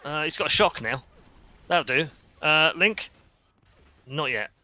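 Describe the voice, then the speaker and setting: A man commentating a video game match, joking around and shouting at big plays. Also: a little high, expressive, slow. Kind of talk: esports commentary.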